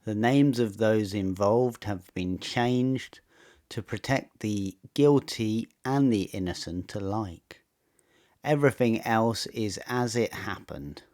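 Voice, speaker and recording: A man narrating a true personal story in a measured, matter-of-fact scripted way. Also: lowish voice, a little mellow.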